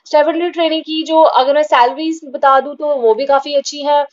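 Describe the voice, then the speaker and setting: High-voiced woman explaining casually, lo-fi. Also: steady tone, normal speed. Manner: casual, repeats points, frequent fillers. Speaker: job-update channel host. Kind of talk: informal explainer voice-over over screen recording.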